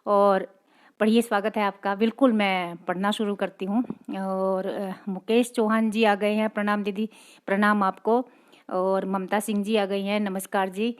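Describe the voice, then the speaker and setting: Slow, smooth-voiced woman poet greeting viewers. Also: mid-range voice, level tone. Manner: polite and respectful, greets each viewer by name with thanks. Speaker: poet hosting her own live reading. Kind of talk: live-stream chat, reading out viewer comments.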